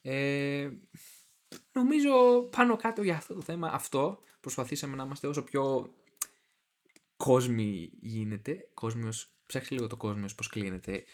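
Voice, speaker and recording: A young man co-hosting a laid-back podcast. His voice sits at a middle pitch, and he talks in a joking, teasing way, often cutting in on his co-host. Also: animated. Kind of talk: casual chat.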